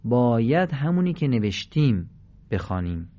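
A man's voice: mid-range voice, big pitch swings, mellow, muffled recording. A man teaching Quran recitation in a radio lesson, patiently demonstrating letter sounds with emphatic repetition.

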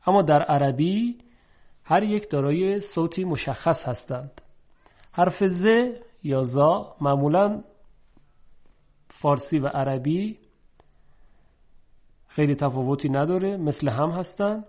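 A man with a slightly high voice gives a pronunciation lesson. He explains briskly, then stretches out each example word in slow recitation. The recording sounds dull and lo-fi. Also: darkish tone. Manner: fast explanatory talk between examples. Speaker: Quran recitation teacher.

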